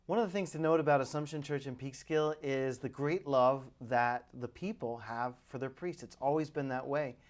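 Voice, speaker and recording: This is a middle-aged priest at medium pitch, introducing guests in a measured way with occasional fillers as host of a public access TV interview.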